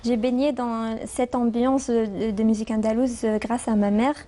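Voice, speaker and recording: Female musician guest, Algerian accent, warm dark tone, fairly high, measured interview answers with searching pauses. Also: flat delivery. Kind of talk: interview conversation.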